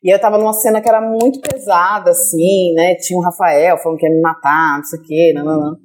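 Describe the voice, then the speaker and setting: A woman's voice: on the low side, steady tone, fast talker, a little mellow. A young adult woman from Brazil, a guest actress on a casual podcast, telling a story with laughter and acted-out quoted lines.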